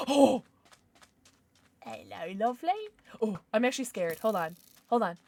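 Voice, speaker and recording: Casting: young female game streamer, cute and bubbly, highish voice, lively and exclamatory, chatting casually with viewers. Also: unhurried. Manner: animated, exclamatory, swinging from murmurs to squeals. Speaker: livestreamer, gaming host. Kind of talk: casual livestream chat over gameplay.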